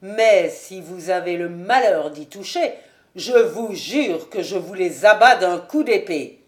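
A woman's voice: fairly low pitch, animated, slow. A woman voicing a blunt, swaggering male swordsman who speaks boldly and mockingly, in an audiobook reading. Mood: indignant. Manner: bold and mocking.

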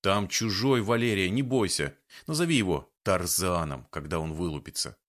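A man's voice: low-pitched, moderate pace, fairly bright tone. A man doing a grumbling, sardonic survivor. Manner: grumbling, dry, firm. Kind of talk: audiobook character voice.

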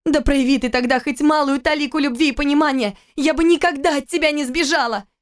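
A woman's voice: on the high side, fairly quick, a little mellow, voice pushed up, lightly acted. A woman reading an audiobook, voicing a furious, bitter young wife and mother who accuses her husband in a raised, heated voice.

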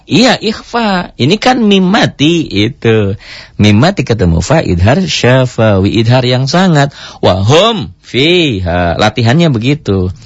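A man teaching Quran recitation rules in a radio lesson, explaining step by step, asking and answering his own questions and chanting example verses slowly. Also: medium pitch, no echo. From Indonesia. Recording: muffled dry radio broadcast.

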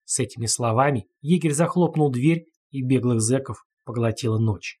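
A man narrating an audiobook in steady storytelling. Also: mid-range voice, normal speed, breathy edge.

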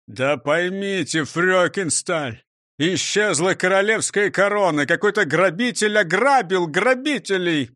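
Man voicing a prosecutor, puzzled, musing, high voice, dry close recording. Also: lively intonation, measured pace, a bit bright, no room sound. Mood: desperate. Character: baffled male prosecutor, former pupil.

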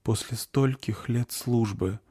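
Man doing an old goblin servant, frail, pleading, audiobook figure, raised pitch. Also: takes it slowly, warm tone, slightly rough, no echo, studio quality. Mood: distraught. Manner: distraught, pleading.

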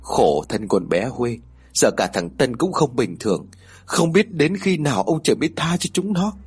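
A sorrowful old mother-in-law in an audio story, speaking low and soft in a sighing, drawn-out murmur, as a man acts her out. The voice is husky and quiet. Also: sing-song, full character voice.

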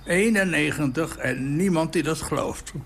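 An elderly man voicing a loud, boastful ninety-one-year-old man with a cane who is eager for attention. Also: fairly high pitch, normal speed, gravelly, slight background noise, voice pushed up.

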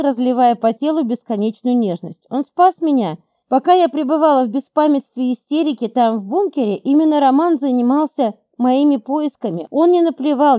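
High-voiced woman narrating an audiobook. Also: dark tone, no room sound, studio quality. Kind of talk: first-person audiobook narration.

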